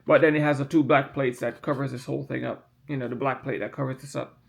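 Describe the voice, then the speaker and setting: A man's voice: mid-range voice, steady tone, fast, vocal fry. A man casually explaining a printer part as he handles it, rambling, repeating himself and stressing key points. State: yawning from medication. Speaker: hobbyist explaining printer repair. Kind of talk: casual hands-on demonstration.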